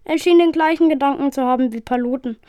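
A woman reading an adventure novel aloud in a steady storytelling manner. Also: sits high, quick pace, no room sound, clean studio sound. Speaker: reader.

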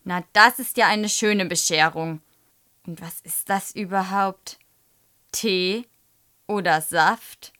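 A woman voicing a stern female class teacher who scolds loudly, read aloud from a children's book. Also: medium pitch, slow pace. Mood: scolding. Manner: scolding, loud and raised.

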